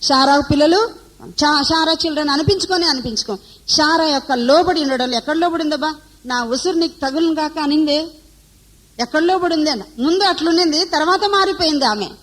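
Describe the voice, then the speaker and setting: Female preacher with a high voice, addressing a women's conference and quizzing her listeners. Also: brisk, fairly bright tone, low-quality recording. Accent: Telugu. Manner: asks the audience questions and answers them.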